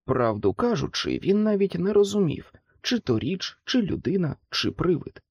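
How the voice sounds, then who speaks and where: Male narrator, audiobook, gravelly voice, lively intonation, expressive, dramatic. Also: high-pitched, moderate pace, no room sound, dull audio.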